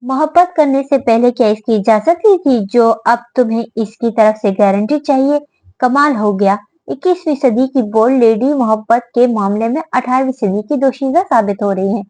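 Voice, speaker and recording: A woman's voice: on the high side, moderate pace, a little mellow, no echo, natural voice. Woman reading as a sarcastic, scolding young friend. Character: blunt, hot-tempered young woman friend. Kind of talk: audiobook character voice.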